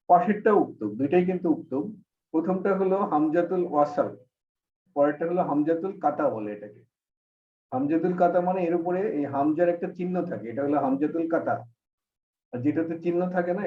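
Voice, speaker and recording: Man teaching an online grammar class. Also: on the high side. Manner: patient, explains step by step. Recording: echoey, distant, phone-like call audio.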